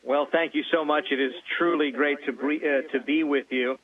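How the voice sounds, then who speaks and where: A man reporting for radio who talks to a space station over a communicator-style link, halting and restarting often. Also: fairly high pitch, fairly even intonation. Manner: halting, full of fillers and restarts. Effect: phone-like radio link, like a space communicator. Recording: tinny phone-like line.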